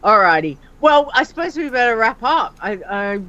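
A woman's voice: a little high, big pitch swings, normal speed, sharp tone, lo-fi sound. A woman from Australia co-hosting a casual gaming podcast, chatty and laughing often. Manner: chatty, laughs often, acts out in-game dialogue. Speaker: podcast co-host. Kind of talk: casual chat about a video game.

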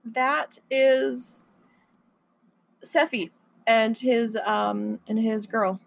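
Woman co-host, gravelly fry, slightly high pitch, casual, tentative. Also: fairly even intonation, very slow, no room sound, low-quality recording. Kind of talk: casual show chat.

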